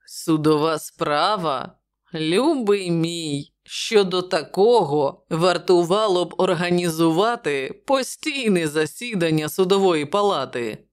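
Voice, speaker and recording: A woman's voice: lowish voice, expressive, slow. A woman voicing a jovial, wry male journalist who talks in a bantering way.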